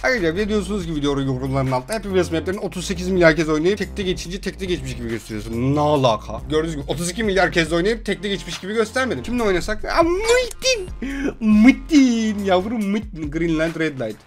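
Turkish guy yelling and cursing over a game, high jumpy voice, bit of music underneath. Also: lively intonation, rapid-fire, few pauses. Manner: loud, swearing, frequent outbursts and laughs. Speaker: gaming video host. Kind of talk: excitable gameplay commentary.

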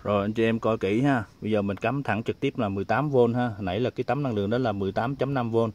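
A man's voice: lowish voice, quick pace, darkish tone. A man casually showing a solar panel hookup, chatty and full of filler sounds, talking to his viewers while he works outdoors. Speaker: DIY tinkering vlogger. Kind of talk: casual hands-on demonstration.

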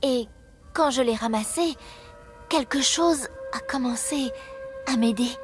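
A brave, earnest young girl mouse from a storybook game, as a woman narrator plays her. Her voice is high and eager, and soft game music runs behind. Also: measured pace.

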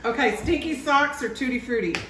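A woman's voice: sits high, a little fast, a bit bright. A middle-aged woman chatting casually and reacting with disgust and amusement as she eats gross jelly beans. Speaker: adult player in a family taste challenge. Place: home kitchen, indoors. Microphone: camera a few feet away. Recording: roomy, distant mic, faint noise.

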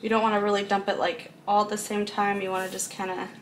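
A woman's voice: mid-range voice, level tone, fast, a little hiss or hum. A woman explaining a recipe step by step in a casual, chatty cooking video, recorded in a home kitchen, laughing now and then. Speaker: cooking vlogger.

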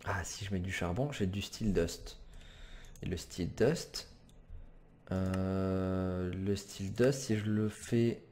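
A man with a low, slow, darkish voice gives let's play commentary while gaming. He's hesitant and chatty, full of fillers and self-corrections, and casually apologizes when he swears.

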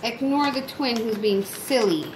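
A woman's voice: on the high side, measured pace. A woman casually showing how to make a meal in her home kitchen, talking viewers through each step. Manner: chatty, instructive, talks to viewers. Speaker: mom cooking on camera. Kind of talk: casual cooking demonstration. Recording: echoey kitchen with loud background noise. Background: child crying, household noise.

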